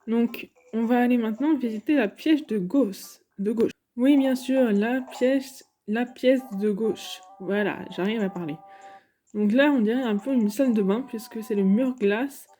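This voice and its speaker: A woman's voice: fairly high pitch, a little slow, warm tone. A woman giving casual, chatty commentary over game footage, hesitant and full of fillers. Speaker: gaming YouTuber.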